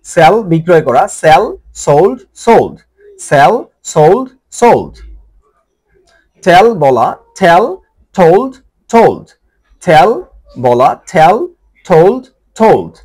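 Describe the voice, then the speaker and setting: A man with a Bengali accent runs an English vocabulary lesson, saying each verb form over and over in a chanting drill. His voice sits somewhat high and swings widely in pitch as he stresses each form. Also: very animated, slow pace, darkish tone. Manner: repeats each word form several times in a sing-song drill. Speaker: English teacher.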